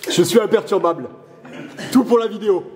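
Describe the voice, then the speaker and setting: A man's voice: high voice, fairly quick, a crowd in the background. A man chatting casually and jokingly with friends inside a cave, in slangy language with swearing, with cave echo. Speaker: vlogger filming a caving trip. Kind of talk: casual chat among friends. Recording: cave echo, music behind.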